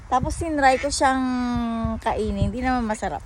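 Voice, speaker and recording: A woman with a slightly high voice chats and jokes as she vlogs outdoors, laughing often and slipping into English phrases. She talks into a handheld phone while she walks by a park pond, with faint outdoor sounds and animals behind her. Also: normal speed, slight background noise. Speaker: vlogger. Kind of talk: casual walking vlog.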